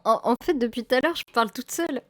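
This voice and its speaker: A woman's voice: high voice, fast talker, soft background music. A woman streaming live, chatting casually with viewers while she works, often correcting herself mid-sentence. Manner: chatty, self-correcting, talks to chat viewers. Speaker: film photography streamer. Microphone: desk microphone. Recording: slightly crackling live-stream audio.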